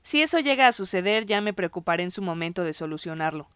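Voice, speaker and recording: A woman's voice: fairly low pitch, animated, fast talker, fairly bright tone, clean tone, no echo, lo-fi sound. A woman voicing a proud boy who boasts and defends himself. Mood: boastful. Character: proud boy, cocky but uneasy.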